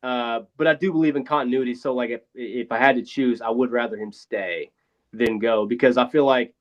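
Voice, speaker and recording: A man with a mid-range voice rambles through a casual sports chat, frank and loose with the odd swear. His voice comes through thin and hollow with no low end, boxed in like a phone booth. The dull, lo-fi earbud mic takes the body out of every word. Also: a little fast. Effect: thin boxy sound with no bass, like a phone booth. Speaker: podcast co-host. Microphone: failing wireless earbuds over a remote call.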